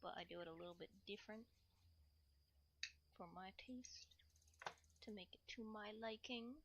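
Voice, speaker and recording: While cooking on a livestream, a woman chats casually with her viewers in a mid-range voice at a moderate pace. She's playful and rambles, often repeating brief phrases and using cutesy broken grammar. Background noise is present.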